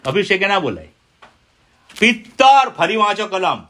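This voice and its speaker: A middle-aged male preacher from India, leading a sermon with call-and-response. His voice is high and bright, with a forceful edge. He presses his points hard and keeps firing questions at his listeners. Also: very animated, moderate pace. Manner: emphatic, asks the listeners many questions.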